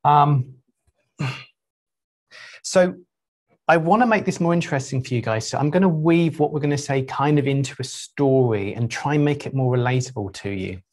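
Man giving an unhurried spiritual talk. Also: mid-range voice, darkish tone. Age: middle-aged. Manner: unhurried, pausing, with frequent 'um's. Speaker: spiritual teacher. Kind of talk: reflective talk to a group.

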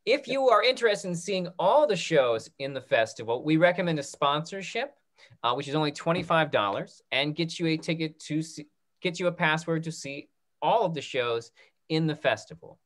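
The host here is a man in his thirties, an instructor leading a theatre talkback, who sounds encouraging and a touch hesitant as he gives informal announcements. His voice is on the high side and fairly bright, animated at normal speed, recorded indoors on a computer microphone during a video call.

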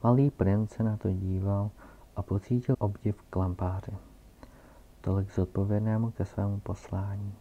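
A man reading a storybook aloud in a calm, steady way, captured on a dull, lo-fi recording. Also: lowish voice. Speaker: reader.

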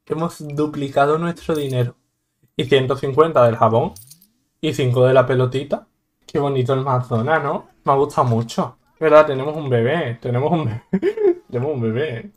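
A man with a Spain Spanish accent talks through a video game. He jokes, exclaims and laughs often in a mid-pitched voice. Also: fairly even intonation, moderate pace. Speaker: gaming YouTuber. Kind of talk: let's play commentary.

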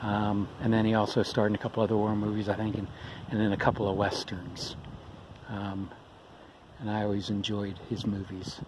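Chatty middle-aged hiker on a trail. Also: male voice, fairly low pitch, level tone, normal speed. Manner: chatty, rambling, with ums and uhs. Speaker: thru-hiker vlogger. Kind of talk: casual trail vlog. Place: outdoors on a forest trail. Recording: outdoor noise behind the voice.

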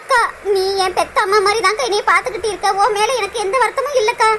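A woman's voice: very high voice, fast, noisy background. A woman voicing a lovesick young woman in a cartoon, tearful and pining, in a southern Tamil Nadu accent. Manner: sobbing, plaintive. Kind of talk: cartoon voice acting.

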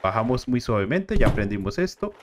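A man voicing a calm father who keeps reassuring his son in a slow, low voice. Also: background noise, natural voice. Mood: soothing. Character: calm soothing father Roberto.

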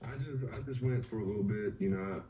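A man in his thirties from rural Virginia, a fighter speaking as a podcast guest over a video call, laid-back and relaxed, peppering his stories with "you know". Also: on the low side, fast. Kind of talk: casual interview. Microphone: webcam or laptop on a video call. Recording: dull, lo-fi video call audio.

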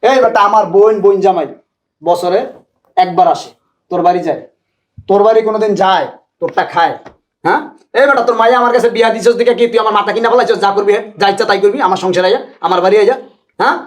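A brash young husband spits out insults in quick, raised tirades, played by a man. His voice sits rather high and races along. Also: close to an everyday voice. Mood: angry. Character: young husband, rude and hot-tempered. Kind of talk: Bangladeshi short drama acting.

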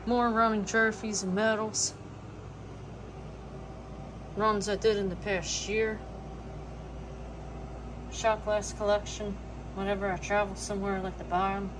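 A matter-of-fact twenties vlogger from the eastern US leads a casual indoor tour of her small manufactured home, listing things as she walks. She speaks at medium pitch, unhurried and pausing often. Audio comes from a phone camera, front-facing then moving, with a steady household hum.

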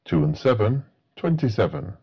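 A man's voice: medium pitch, sing-song, moderate pace, creaky, breathy edge, muffled recording. A man working as a bingo caller, announcing numbers in set phrases with a matter-of-fact delivery.

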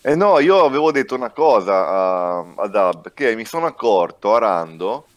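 A man chatting casually as a co-player during gameplay, halting and often repeating his words. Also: on the low side, very animated. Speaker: co-player on a gaming stream. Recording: vehicle noise behind voice.

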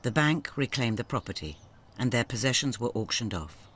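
A man narrating a documentary in a measured, ominous scripted read. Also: mid-range voice, very animated, a bit bright, slightly rough.

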